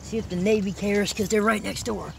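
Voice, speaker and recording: Mulher animada com sotaque sulista americano. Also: female voice, mid-range voice, fairly quick, creaky. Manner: excitable, swears, jittery. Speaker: vlogger filming an abandoned site. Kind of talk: casual chat while exploring. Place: outdoors by abandoned buildings and in a car. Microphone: handheld phone. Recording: noisy outdoor phone recording.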